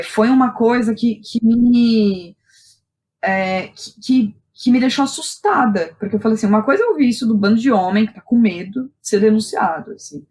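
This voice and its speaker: A medium-pitched, slightly mellow voice carries a Brazilian woman's personal stories on a podcast. A playwright and director, she speaks casually and openly, with lots of slang and tag questions.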